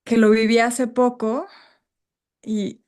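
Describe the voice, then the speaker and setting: A woman's voice: a little high, level tone, takes it slowly, a little mellow. Woman, video call mic, emotionally moved, frank, reflective, searching for words. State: emotionally stirred. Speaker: workshop participant. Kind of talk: personal sharing on a group video call. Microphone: video call microphone.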